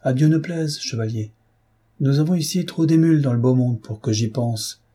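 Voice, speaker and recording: Storybook figure: a male reader doing a grim old Spanish noble, husky and dark, bitter, vengeful. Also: medium pitch, normal speed, close to an everyday voice. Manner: brooding, bitter, declamatory. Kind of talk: audiobook reading.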